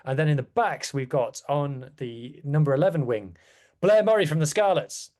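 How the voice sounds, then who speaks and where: A man's voice: a little high, lively intonation, moderate pace, darkish tone. A man chatting casually as a rugby podcast guest, with wry, self-deprecating asides. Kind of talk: casual chat.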